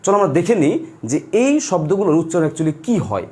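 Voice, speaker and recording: A man's voice: on the high side, animated, quick pace, darkish tone. A man with a Bangladeshi Bengali accent teaching a pronunciation lesson, often asking his students questions and repeating the rule.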